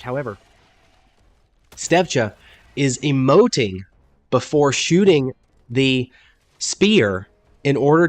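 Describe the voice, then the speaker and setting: A man giving voice-over commentary on someone else's gameplay. He sounds congested from a cold and explains things in an upbeat way, with sudden lifts in pitch. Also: no room sound.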